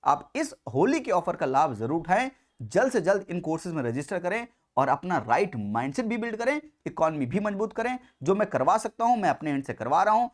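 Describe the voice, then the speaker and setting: Lecturing for exam coaching, an Indian man uses a high voice at a fairly quick pace. His very animated intonation rises and falls as he stresses and repeats key points, switching between Hindi and Indian-accented English.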